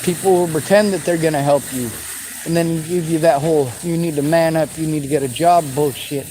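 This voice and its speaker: A man in his forties from the western United States answers viewer questions on his vlog in an angry, unscripted monologue, talking bitterly and swearing. His fairly high, dark-toned voice is brisk with fairly even intonation, and the rough recording carries a little hiss or hum.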